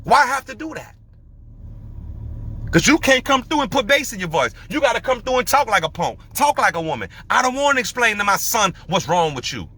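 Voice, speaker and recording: A man's voice: high voice, a little fast. A man hosting a podcast, telling stories and giving emphatic, slangy opinions in casual commentary. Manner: animated storytelling, emphatic, slangy. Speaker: podcast host.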